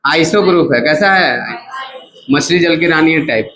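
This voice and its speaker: A man's voice: fairly high pitch, lively intonation, unhurried, fairly bright tone, a little hiss or hum, rough recording. A male chemistry teacher giving a casual classroom lecture who keeps asking his students to repeat each term back to him. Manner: casual, coaxing teacher talk.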